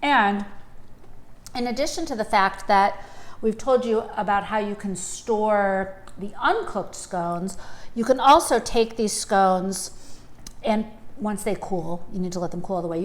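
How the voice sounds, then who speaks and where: A woman's voice: mid-range voice, normal speed. A woman co-hosting a home cooking video, giving baking tips in an enthusiastic, chatty way. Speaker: cooking show co-host. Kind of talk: cooking demonstration.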